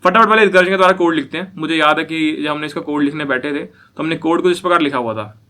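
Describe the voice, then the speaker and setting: Brief: young male programming lecturer, bright, slightly high voice, repetitive teaching style. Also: fast talker. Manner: repetitive, asks listeners if they follow. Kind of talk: classroom coding lecture.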